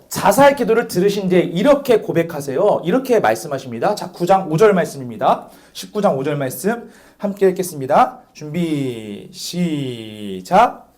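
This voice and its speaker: Young male youth pastor, high and lively voice, preaches with rhetorical questions and calls on the room. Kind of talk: sermon.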